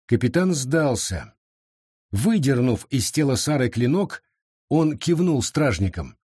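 A man reads a dark historical tale with lively, rising and falling intonation. His voice is husky and slightly breathy. The sound is close and dry, with no room around it. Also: mid-range voice, dry recording. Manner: expressive, dramatic storytelling. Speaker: audiobook narrator. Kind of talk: scripted narration.

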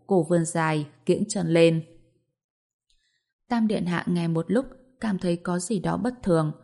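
Woman, audiobook narrator, even storytelling, lowish voice. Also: vocal fry. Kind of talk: scripted fantasy novel narration.

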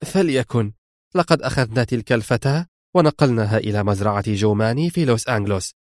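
A man's voice: medium pitch, quick pace, no echo, clean studio sound, natural voice. A man doing a smug woman criminal operative. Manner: smug, irritated.

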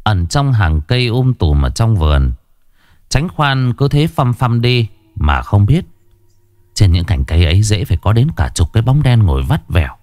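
Low-voiced man narrating a horror tale. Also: big pitch swings, normal speed, darkish tone, no room sound, studio quality. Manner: dramatic, suspenseful. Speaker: storyteller.

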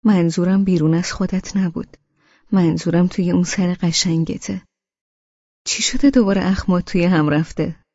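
A woman voicing a calm, serious young man who talks in a measured, earnest, gently scolding way. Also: fairly low pitch, dry recording. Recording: dull, dry studio audiobook.

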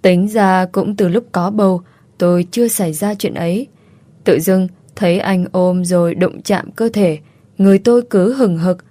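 A woman narrating a first-person story in a steady, conversational reading style. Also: lowish voice, normal speed, no room sound.

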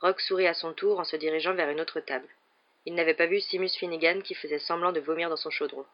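A reader narrating a storybook chapter in an even, steady way. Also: mid-range voice, fast talker. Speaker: audiobook reader. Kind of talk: scripted narration. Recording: dull lo-fi recording.

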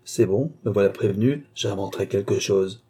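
A man's voice: on the low side, moderate pace, mellow, husky, voice pushed down. A man voicing a flippant, scheming young nobleman in an audiobook. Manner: glib, ironic.

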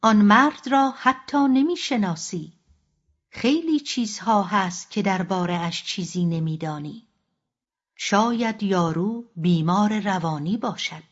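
Storybook husband, middle-aged, shaky and tense, husky edge, read by a woman, muffled lo-fi audio. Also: medium pitch, expressive. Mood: protesting. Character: troubled middle-aged husband, pleading then angry. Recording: dull lo-fi audiobook recording.

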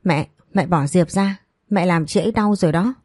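Woman doing a stubborn young guy defending the girl he loves, low dark voice. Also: moderate pace, dry recording, clean studio sound, lightly acted. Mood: defiant pleading. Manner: pleading, then gritting out words. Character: defiant young man, protective and pleading.

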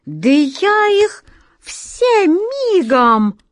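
A woman voicing a boastful, flattering young male tomcat with a squeaky, sweet-talking voice in a storybook reading. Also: extremely slow, dry recording, clean studio sound, heavily acted. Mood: excited.

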